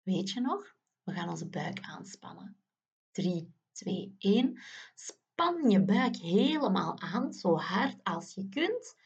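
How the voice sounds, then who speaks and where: Slow, soft-spoken woman guide. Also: mid-range voice, sing-song, gravelly, slightly rough, dull audio. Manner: slow, soothing, often drops to a whisper. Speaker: relaxation exercise guide for children. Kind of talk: guided muscle relaxation.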